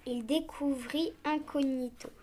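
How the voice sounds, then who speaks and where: Slow, high-voiced woman reading a story. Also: steady tone, dark tone. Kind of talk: scripted children's story narration, read aloud. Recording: clearly noisy recording with clicks.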